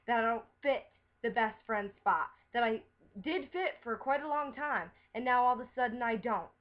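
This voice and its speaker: In this emotional webcam video, a vlogger who is upset and seems to have been crying lately delivers a defensive, profanity-laced rant to her audience. Her voice is fairly high, and the recording has its highs cut off.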